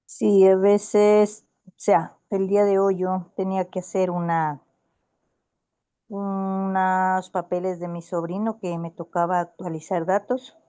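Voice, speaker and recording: A woman's voice: medium pitch, flat delivery, slow, mellow, clean tone. A woman in a casual Bible study conversation, telling a story in an earnest, rambling way with many restarts.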